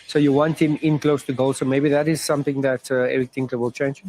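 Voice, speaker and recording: A man giving studio football analysis as a pundit, in halting phrases. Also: medium pitch, little pitch movement, a little mellow, slight background noise, rough recording.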